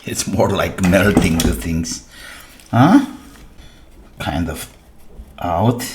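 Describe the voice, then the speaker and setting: Parts click and clatter audibly behind a low-voiced man who hosts a repair channel. Speaking English as a non-native, he talks slowly and casually through the job, thinking out loud in fits and starts.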